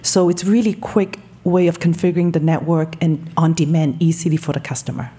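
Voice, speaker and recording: Earnest woman from Hong Kong, husky. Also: deep voice, steady tone, a little fast, warm tone. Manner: earnest, enthusiastic, speaks with her hands. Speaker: guest, telecom marketing director. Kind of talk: interview conversation. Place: podcast studio. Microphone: studio mic on boom arm.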